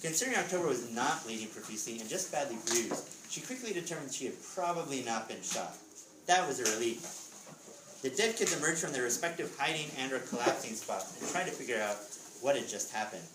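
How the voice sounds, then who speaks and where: Reading from his own book at a school readers theatre, an author performs in an expressive storybook style and drops in casual asides. His middling-pitched voice is fairly quick, recorded from afar in an echoey room with faint background noise.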